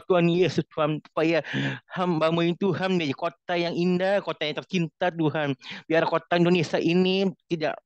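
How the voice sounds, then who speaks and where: A man prays fervently and at length, calling out "Lord" again and again between pleading phrases. His voice sits a little high and comes through smooth and clear, but the video call audio is dull and narrow, with a dry, close sound. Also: no echo. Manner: repeats "Tuhan" after nearly every phrase, pleading tone. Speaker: congregation member leading intercession. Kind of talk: fervent spontaneous prayer. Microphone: online video call.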